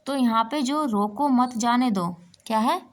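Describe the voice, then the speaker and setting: A woman's voice: a little high, unhurried. A woman teacher explaining an exam-prep lesson while writing on a board, checking in with "ठीक है" and asking herself rhetorical questions. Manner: explanatory, repeats "ठीक है" and asks rhetorical "क्या है"; writes on a board while talking.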